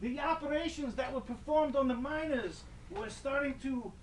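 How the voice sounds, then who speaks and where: A man's voice: very high voice, normal speed. A man playing a macabre ghost tour storyteller, narrating comic horror in a theatrical, wordy, mock-grandiose way. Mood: macabre relish. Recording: distant mic, light background noise.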